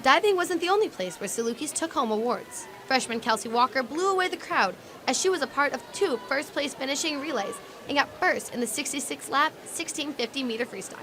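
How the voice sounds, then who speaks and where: A woman's voice: sits high, expressive, fairly quick, few pauses, background noise. A young woman reporting a student news story in scripted narration, with an upbeat, punny delivery.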